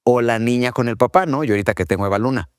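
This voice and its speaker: Man, casual podcast chat, mid-pitched voice, dry close sound. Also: very fast, no room sound. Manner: animated, acts out children's whiny voices. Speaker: podcast co-host, father. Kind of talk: casual faith-based parenting chat.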